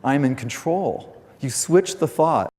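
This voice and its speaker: A man's voice: medium pitch, animated, slow pace, a little mellow. A man giving a communication seminar to a live audience, telling anecdotes, acting out other people's lines and asking the room questions. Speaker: communication trainer. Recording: long hall reverb, faint background music.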